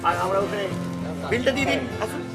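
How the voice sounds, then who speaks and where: Very fast high-voiced man over music. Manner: brisk, directing others while shopping. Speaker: actor in a TV drama. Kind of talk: scripted TV drama dialogue.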